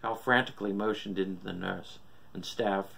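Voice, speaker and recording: A man's voice: low-pitched, fairly even intonation, moderate pace, gravelly, sharp tone, breathy edge. A man reading a scripted horror story as its narrator.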